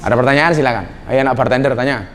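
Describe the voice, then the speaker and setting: Racing along in a mid-range voice, a Javanese-accented middle-aged man delivers a teasing, jokey sermon to a crowd in a nightclub hall, peppering it with Javanese slang for the live audience.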